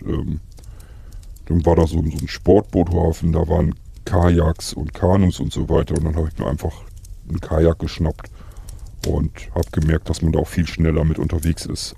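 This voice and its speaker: Extremely deep, raspy man, flat delivery, calm survival role-play storyteller. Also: moderate pace, no echo.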